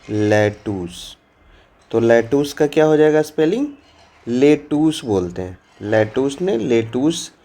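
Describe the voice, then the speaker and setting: A man's voice: medium pitch, dark tone. A man teaching an exam-prep lesson to young children, asking questions and then repeating the answers himself.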